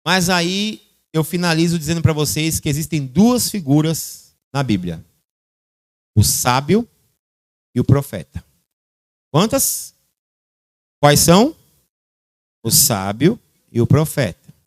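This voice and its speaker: A man, a pastor preaching a sermon and calling on church members by name, shifting between loud and quiet. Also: a little high, sing-song, slow, pauses often, dry recording. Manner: addresses congregation members by name.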